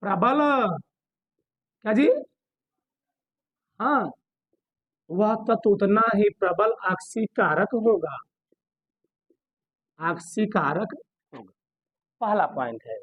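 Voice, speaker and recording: A man's voice: high-pitched, dry recording. Hindi-speaking male chemistry teacher, quizzing. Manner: asks students questions and answers them himself; repeats key terms for emphasis. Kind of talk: classroom lecture.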